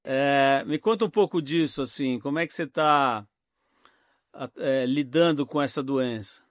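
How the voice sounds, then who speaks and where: A man's voice: mid-range voice, measured pace, dry recording, clean studio sound. A man with a Brazilian Portuguese accent, interviewing a guest with probing, hesitant questions. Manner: probing, hesitant phrasing with fillers. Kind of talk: conversational interview.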